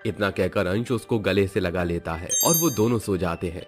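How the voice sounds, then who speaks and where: A man narrating a moral fairy tale in a steady, expressive storytelling manner. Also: deep voice, normal speed, soft background music.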